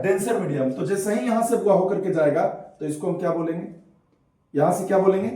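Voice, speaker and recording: A man's voice: sits high, darkish tone. A male physics teacher giving a classroom lesson, mixing Hindi and English terms, asking questions and answering them himself while repeating key words. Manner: mixes Hindi with English terms, calls students by pet names. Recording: echoey room, far from the mic.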